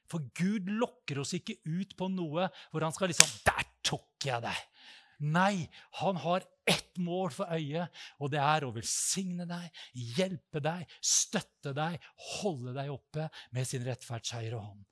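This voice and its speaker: A man preaching a sermon, telling stories and acting out prayers with loud, high-pitched cries. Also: hardly any pauses, dry recording.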